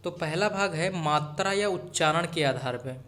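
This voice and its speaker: A man's voice: a little high, normal speed, a bit bright. A man teaching an exam-prep grammar lesson, greeting viewers as friends and repeating each key point so they remember it.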